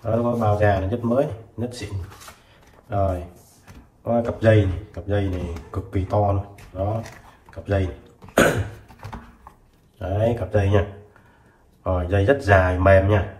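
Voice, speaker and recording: Male seller, chatty demo patter, low-pitched voice, sped-up playback, roomy sound with faint background noise. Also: fairly even intonation, a little mellow. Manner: chatty sales patter, addresses viewers as "các bác", fills every pause with "đấy", "đó". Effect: sped up to 1.2x, voice sounds higher. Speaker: seller of used measuring tools. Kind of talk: casual product demonstration. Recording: echoey room.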